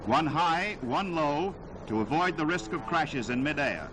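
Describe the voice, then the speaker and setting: A man's voice: on the high side, animated, unhurried, heavy background noise. A man narrating a 1940s wartime newsreel in a dramatic, declamatory delivery, heard on an old newsreel soundtrack. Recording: loud music score underneath.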